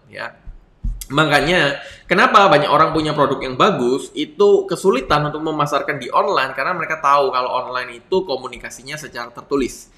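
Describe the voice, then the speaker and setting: A young man talks viewers through a lesson in a relaxed, conversational way and keeps checking in with them. His voice is bright and forward. The room around him has a noticeable echo. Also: mid-range voice. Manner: conversational teaching, addresses viewers as friends, many fillers. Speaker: copywriting instructor. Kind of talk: online lesson with slides.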